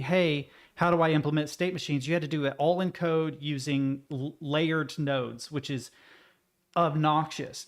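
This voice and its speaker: A man chatting casually on a livestream, thinking aloud with stammers, self-interruptions and some self-deprecating swearing. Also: on the high side. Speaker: live streamer.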